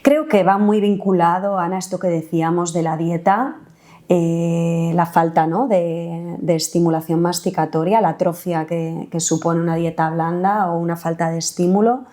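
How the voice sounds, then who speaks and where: Lowish-voiced woman dentist explaining. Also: steady tone, moderate pace, dark tone. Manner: explanatory, many fillers and tag questions. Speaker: holistic dentist, guest. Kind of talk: conversational interview explanation.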